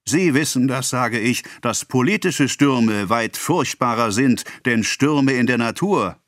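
A man voicing a pompous male government official, declaiming a speech slowly and loudly in an audiobook reading. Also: medium pitch, animated, no room sound, clean studio sound, voice pushed up. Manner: declaiming, slow and loud.

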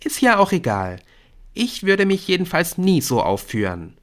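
A man's voice: high-pitched, wildly swooping pitch, moderate pace, a bit bright, pitched above the performer's own voice, exaggerated voice. A man voicing a prying, affected teenage schoolgirl in an audiobook. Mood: chirpy. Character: prissy gossiping teenage schoolgirl.

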